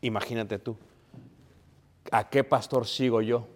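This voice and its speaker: A man's voice: mid-range voice, steady tone, measured pace. A preaching man speaks to his congregation in a mid-range voice, dropping in English asides. His words ring out with the long reverb of a church hall. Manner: preachy, addresses congregation as brothers, mixes English phrases. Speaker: pastor. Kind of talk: sermon.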